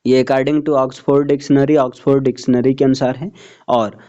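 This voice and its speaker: A man's voice: medium pitch, little pitch movement, a little slow, dark tone. A man teaching a phonetics lesson, reading English lines and explaining them in Hindi, often checking whether students follow. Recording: dull lo-fi sound.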